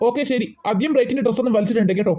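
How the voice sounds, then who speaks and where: A woman's voice: fairly high pitch, racing, dark tone, close to an everyday voice. A woman voicing a stern, thrifty father of two girls in a cartoon, bossy and lecturing. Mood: firm. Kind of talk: cartoon voice acting.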